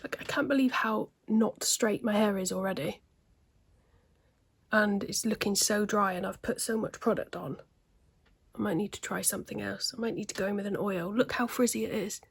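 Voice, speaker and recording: At home at a desk in daylight, a woman chats casually through her makeup in a get-ready-with-me video, with plenty of self-deprecating humor and half-whispered asides. This beauty vlogger speaks at a medium pitch and moderate pace with fairly even intonation, vocal fry, a breathy edge and a slightly smoky laugh.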